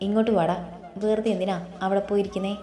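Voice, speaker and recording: A woman voicing a caring, worried middle-aged mother who soothes and gently scolds, in a storybook reading with faint music in an echoey room. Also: medium pitch, steady tone, fast, natural voice.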